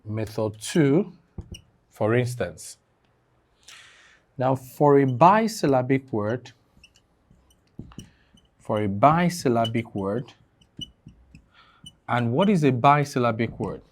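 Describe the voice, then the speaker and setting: A man's voice: medium pitch, expressive, slow, pauses often. A man teaching an online exam-prep lesson, repeating key phrases and asking the class fill-in questions.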